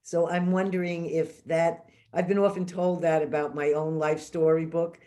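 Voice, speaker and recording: Woman, podcast host, inquisitive, rambling questions, mellow voice. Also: on the low side, level tone, normal speed. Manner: inquisitive, with long winding questions. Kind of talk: interview questions.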